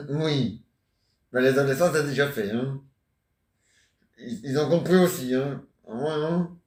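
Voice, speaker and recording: A man's voice: mid-range voice, unhurried, distant mic. A man in his forties rambling and joking in casual chat, teasing banter. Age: 40s. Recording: echoey room.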